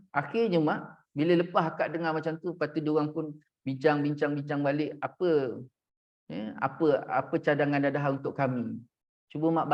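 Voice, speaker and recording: Give me a religious teacher telling a sermon story, recorded a bit dull and lo-fi. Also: male voice, a little high. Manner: addresses listeners directly, animated retelling with acted quotes.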